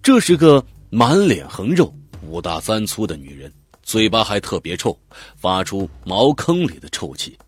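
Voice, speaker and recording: A man narrates a grim audiobook in a low, husky voice. His pitch rises and falls in lively, expressive swings. Soft music plays quietly behind him. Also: unhurried, no echo. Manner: vivid, expressive storytelling. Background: faint background music.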